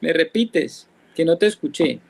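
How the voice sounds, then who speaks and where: A man's voice: fairly high pitch, expressive, measured pace, creaky, a little hiss or hum, low-quality recording. A man with a Colombian accent leading a Bible study, explaining verses patiently and asking the group questions. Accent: Colombian Spanish. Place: church, class also joined online.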